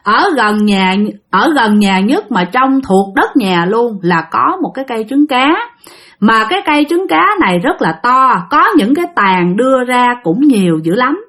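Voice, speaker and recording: A woman's voice: fairly high pitch, expressive, normal speed, a bit bright. A woman telling a ghost story in a chatty way, talking straight to her listeners. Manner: chatty, addressing listeners directly. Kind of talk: casual ghost-story narration.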